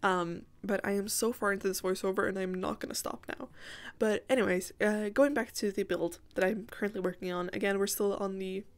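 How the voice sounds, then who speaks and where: A woman talks through a gaming video in a casual, rambling voiceover at a middling pitch. Her voice is strained and sore, cracking now and again, and she often breaks off into chatty asides. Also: fairly even intonation, a little fast. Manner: chatty, self-interrupting, apologetic asides.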